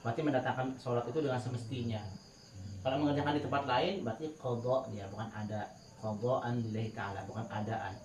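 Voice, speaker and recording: This fast-talking man has a medium-pitched, darkish voice with a steady tone as he casually teaches Quran recitation rules to students. He laughs while recounting anecdotes and often chants melodically as a demonstration. He's recorded from a distance in a roomy space, with faint crickets and slight background noise.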